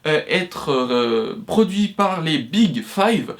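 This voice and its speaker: A young man hosts a casual history lesson about cinema. His voice sits a touch high for a man, and he keeps pausing, restarting and filling gaps as he explains. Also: lively intonation, vocal fry. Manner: loose, hesitant delivery full of fillers and restarts. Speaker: history of cinema video host. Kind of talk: casual educational talk.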